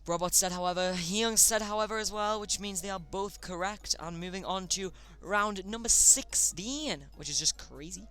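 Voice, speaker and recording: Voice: mid-range voice, normal speed, few pauses, bright, forceful tone, soft background music. A streamer casually hosting a chat game live, chatty and often tripping over words.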